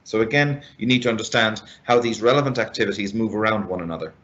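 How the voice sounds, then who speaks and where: A fairly low male voice on a dull, lo-fi recording. He presents as an expert, walking listeners through rules step by step in a methodical, deliberate manner. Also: fairly bright tone. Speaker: expert speaker on business regulations. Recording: dull, lo-fi band-limited sound.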